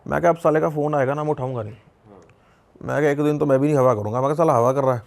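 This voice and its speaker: Gravelly young man telling a story. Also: fairly high pitch, racing, darkish tone. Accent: Punjabi. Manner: conversational, lots of repetition and quoted dialogue. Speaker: podcast guest. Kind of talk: casual storytelling.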